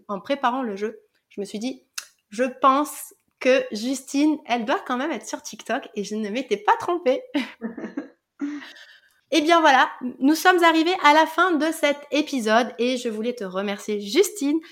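A woman hosting a podcast, chatting casually and playfully with a guest and laughing often. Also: high-pitched. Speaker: podcast host.

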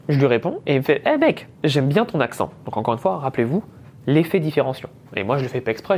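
A man in his thirties from France hosts a podcast in a relaxed, chatty storytelling style. He slips English business words into his sentences. His voice sits at an ordinary middle pitch. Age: 30s. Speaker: podcast host. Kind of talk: casual storytelling monologue.

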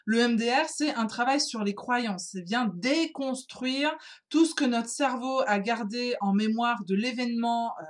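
A woman's voice: a little high, unhurried. French woman explaining, full of fillers. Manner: hesitant, many fillers and restarts; addresses listener informally. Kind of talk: casual explanatory talk.

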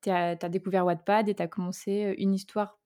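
A woman's voice: medium pitch, level tone, moderate pace, mellow. A woman hosting a casual podcast interview, chatty and laughing easily, with lots of fillers. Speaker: podcast host.

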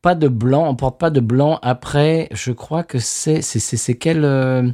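A man's voice: mid-range voice, a little slow, warm tone. A man co-hosting a podcast in casual chat, rambling with lots of hesitations and restarts. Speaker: podcast co-host.

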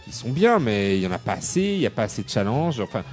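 A man's voice: fairly low pitch, big pitch swings, quick pace, faint music behind. A man co-hosting a casual gaming podcast, talking in a rambling way with many fillers and restarts. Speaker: podcast co-host.

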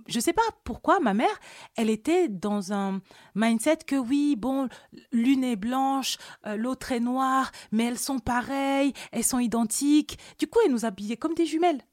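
A woman from Cameroon hosting a podcast, telling personal stories in a casual, animated interview chat. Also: a little high, moderate pace, no room sound, studio quality. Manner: animated storytelling, many fillers. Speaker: podcast host.

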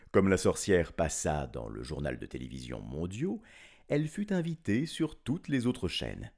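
A man telling a children's story in an animated, playful way, chuckling often. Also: very deep voice, gravelly.

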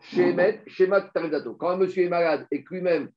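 Guy teaching talmud in w/ words, kinda high voice, lots of rhetorical questions, dull lo-fi sound. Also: brisk. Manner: explains step by step, rhetorical questions, animated. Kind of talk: Talmud study class. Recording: dull lo-fi recording.

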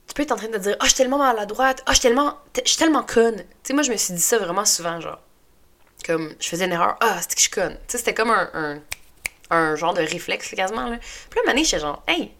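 A woman's voice: mid-range voice, fairly bright tone. A young woman with a Québécois French accent talking as a podcast host in a casual motivational monologue, chatty and full of fillers, with English phrases mixed in.

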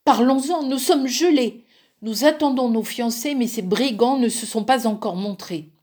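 A woman voicing two spiteful young sisters freezing in a forest, shrill and quarrelsome. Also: a little slow, darkish tone. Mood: cross, freezing.

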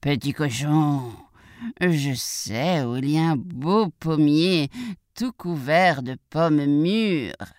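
Woman doing a slow, sly storybook wolf. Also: low-pitched, lively intonation, darkish tone, no room sound, studio quality. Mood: coaxing. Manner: slow drawn-out coaxing delivery. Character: sly menacing big bad wolf, drawling and hungry.

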